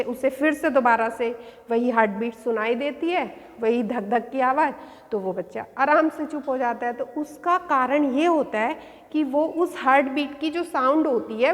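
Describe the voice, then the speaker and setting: A woman's voice: high voice, in a large hall. A woman teacher lecturing in Hindi mixed with terms, explaining an essay step by step and restating each point.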